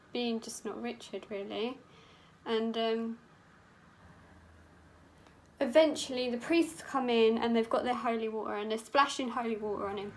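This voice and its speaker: Young woman, makeup artist, unhurried and dramatic storyteller, a touch high-pitched, casual and sweary. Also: poor audio.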